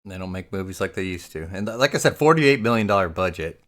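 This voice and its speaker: A man's voice: low-pitched, expressive, fast, fairly bright tone. A man hosting a casual movie podcast, easygoing and steering the questions. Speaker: podcast host. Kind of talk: casual movie review chat.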